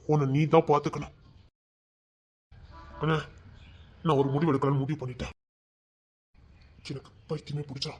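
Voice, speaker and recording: Man acting as a young village man, high-pitched, agitated, self-reproaching. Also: a little mellow, natural voice. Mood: exasperated. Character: young village man, ashamed, hot-tempered.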